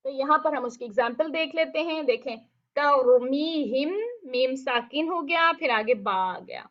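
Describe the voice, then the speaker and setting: A woman teaching Quran recitation in an online lesson, explaining patiently step by step, checking in often, and reciting Arabic words slowly to demonstrate sounds. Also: sits high, sharp tone, highs cut off.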